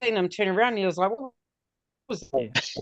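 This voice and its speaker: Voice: medium pitch, sing-song, fairly quick, a bit bright, dry recording, lo-fi sound. Choppy video-call voice, cutting out. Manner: blunt, swears casually. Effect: internet dropouts cutting the speech off mid-word. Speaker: panelist on a rugby league review show. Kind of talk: casual chat.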